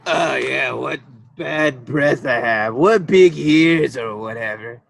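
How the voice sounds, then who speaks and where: An actor playing a bitter, self-pitying drunk wolf in a comic radio play, slurred and sarcastic. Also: male voice, mid-range voice, slow pace, creaky. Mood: bitter, sullen.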